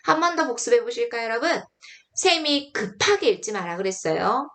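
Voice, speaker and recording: A woman's voice: fairly high pitch, expressive, a little fast, a bit bright. A young woman teaching pronunciation in an online lesson, drilling syllables one by one and correcting mistakes emphatically.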